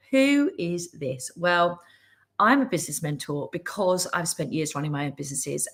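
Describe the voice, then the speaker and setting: A middle-aged woman, a business mentor hosting her weekly live, talking in a chatty, upbeat way that often breaks off into asides. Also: lowish voice. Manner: chatty, upbeat, self-interrupting. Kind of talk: casual live stream chat.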